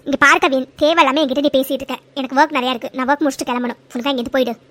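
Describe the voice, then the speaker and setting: A woman's voice: high-pitched, steady tone, rapid-fire, fairly bright tone, a little hiss or hum. A woman voicing a young female office worker in a cartoon, stern and dismissive when confronted. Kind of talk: cartoon voice acting.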